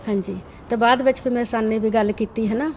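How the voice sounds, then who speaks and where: A woman's voice: fairly high pitch, fairly even intonation, fast talker, darkish tone, slight background noise. A middle-aged woman earnestly recounting a roadside incident in an interview. She keeps adding short "right?" tags.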